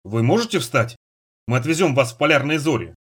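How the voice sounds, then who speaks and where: A shy, clumsy young man in love who mumbles earnestly, as voiced by a male reader. The voice is husky and lively in pitch. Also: a little fast. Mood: urgent.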